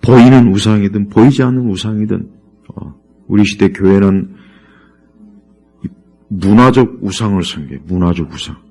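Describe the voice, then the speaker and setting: A middle-aged man preaching in church with a low, mellow voice. He hammers key words again and again, jumping up in volume and then sinking almost to a murmur. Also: moderate pace, pauses often. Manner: repetitive, emphatic preaching with sudden rises and drops in volume. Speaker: pastor. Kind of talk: sermon.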